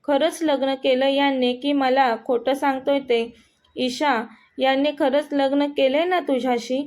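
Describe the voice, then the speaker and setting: A woman's voice: sits high, steady tone, unhurried, a little mellow. A woman voicing an affectionate old grandmother who teases and scolds her grandson fondly. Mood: fond scolding. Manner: scolding, fond teasing.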